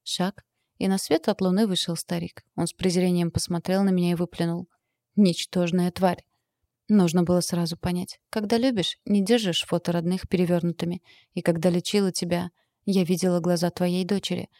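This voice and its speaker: A woman reads a first-person audiobook in an even, steady way. Her voice is low and warm-toned. The recording is close and dry. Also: a little fast, dry recording. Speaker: audiobook narrator.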